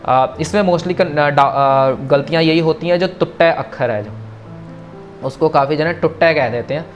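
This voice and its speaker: A man teaching verse pronunciation in an online class, patiently repeating corrections and chanting lines slowly. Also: a little high, faint music behind. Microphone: video call.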